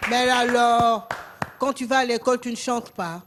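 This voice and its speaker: A woman hosting a children's program, coaxing and urging the kids to sing louder. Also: on the high side, fairly even intonation, moderate pace, noisy background. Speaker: children's TV show host. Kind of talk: leading children's show segment.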